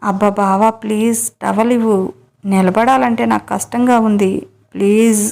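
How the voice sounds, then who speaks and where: A tired, sulky young woman who talks in a whiny, pleading way, as a woman reads her in a romance audio story. Her voice sits at a middle pitch. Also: level tone, moderate pace, gravelly, a little mellow, natural voice.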